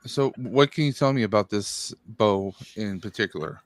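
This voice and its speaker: A man playing a tabletop game, talking in character as a customer, halting and rambling, with many fillers. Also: on the low side, no room sound, studio quality. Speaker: player. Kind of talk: in-character roleplay.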